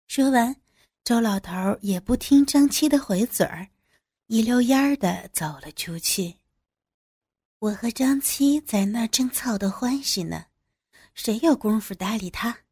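A woman narrating a story in the first person, with unhurried, plain storytelling. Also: a little high, expressive, darkish tone, husky, dry recording, studio quality.

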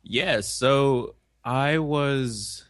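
A young Jamaican-born man, a guest in a conversational interview, answers questions earnestly and reflectively, often restarting his sentences. His mid-range voice is extremely slow. The recording is studio quality with no room sound.

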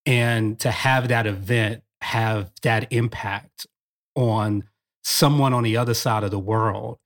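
A man's voice: fairly low pitch, fairly even intonation, takes it slowly. A man co-hosting a podcast, chatting casually and telling stories with enthusiasm. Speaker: podcast co-host. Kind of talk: casual chat.

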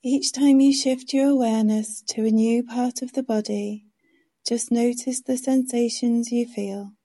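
A woman leading a guided meditation in a soft, soothing, hushed manner, giving gentle instructions. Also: a little high, fairly even intonation. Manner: slow, gentle instructions with pauses.

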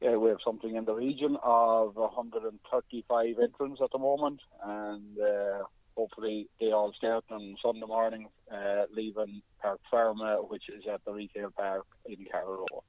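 Over a narrow phone line, an Irish man with a lowish voice gives a radio interview as a club press officer. He explains things politely and haltingly, with no room sound. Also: level tone, no echo. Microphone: telephone.

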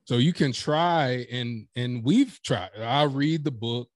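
Speaking slowly in a mid-range voice, a man appearing on a podcast as a professional speaker chats casually yet emphatically, acting out quotes within his animated stories. The studio recording is clean, with no room sound.

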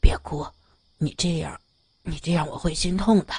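A woman reading a story aloud and voicing a smooth-talking young man who speaks gently and persuasively. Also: low voice, expressive, normal speed, dry recording, voice pushed down, heavily acted. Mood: tender.

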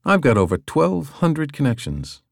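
A man's voice: fairly high pitch, huge pitch swings, moderate pace, vocal fry, dry recording, clean studio sound, voice pushed up, exaggerated voice. A man reading an audiobook, voicing a breezy, boastful male friend in a much raised voice.

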